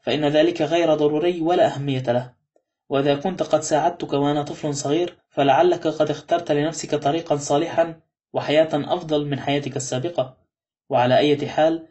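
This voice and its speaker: Curt, wary young gentleman for a storybook reading, as a male narrator puts him on; fast and firm. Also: a little high, steady tone, natural voice.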